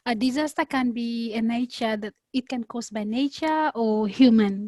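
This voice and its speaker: A woman's voice: on the high side, darkish tone, no echo. A woman in her twenties from the Solomon Islands, a student speaking in class over a video call, hesitant with fillers. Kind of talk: class discussion.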